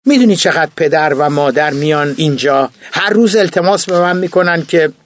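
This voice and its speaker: A man reading an audiobook, voicing a weary older male university chief who lectures in heated, rapid-fire rhetorical questions. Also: fairly high pitch, close to an everyday voice. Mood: exasperated. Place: recording studio.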